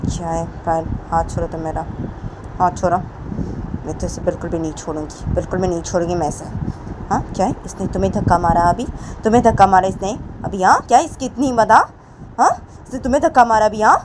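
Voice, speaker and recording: A woman voicing a quick-tempered older woman who scolds loudly and fires off repeated questions. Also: lowish voice, noisy background, close to an everyday voice. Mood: furious. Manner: loud, hectoring, repeats questions.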